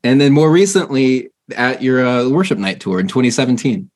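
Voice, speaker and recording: A man's voice: mid-range voice, expressive, moderate pace, a little mellow. A man hosting a podcast who chats in a friendly, loose way, full of casual fillers as he brings in his guest. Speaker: podcast host. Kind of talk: casual interview.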